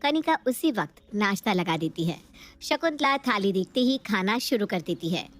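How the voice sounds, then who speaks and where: A woman's voice: medium pitch, expressive, normal speed. A woman giving scripted narration of a cartoon story in a plain storytelling manner.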